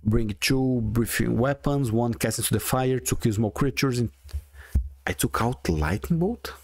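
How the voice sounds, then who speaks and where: Expressive and measured, a medium-pitched man speaks with no echo. He's a gaming video creator in his forties whose strong Brazilian Portuguese accent colors his casual, think-aloud commentary on his own card game.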